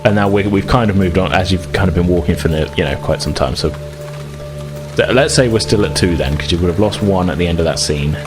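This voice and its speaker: Narrating fast in a low voice, this game master improvises a tabletop roleplaying session in a conversational, slightly hesitant way. The recording carries loud music and rain ambience.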